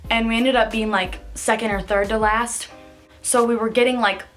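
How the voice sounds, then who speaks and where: A woman's voice: moderate pace, soft background music. Chatty woman telling a storytime vlog. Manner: chatty, filler-heavy telling with many "like"s; excitable, jumps high when quoting voices. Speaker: vlogger.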